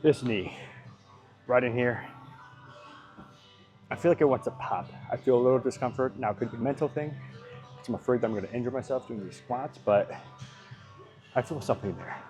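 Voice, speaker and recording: A man's voice: mid-range voice, darkish tone. A man casually talking through his home workout, rambling and thinking aloud, hedging and swearing now and then. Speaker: fitness vlogger.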